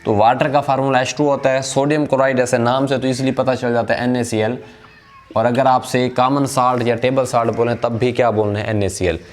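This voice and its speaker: Male chemistry teacher, mid-pitched, lecturing in a question-and-answer rhythm. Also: level tone, fairly quick, hardly any pauses. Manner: asks rhetorical questions and answers them himself; addresses the listener as brother. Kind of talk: classroom lecture.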